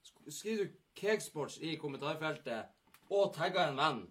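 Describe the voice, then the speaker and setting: A man hosting a casual sports talk show, joking and quick, with a husky voice. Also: fairly high pitch. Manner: lively, joking, hurried at times. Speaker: podcast host.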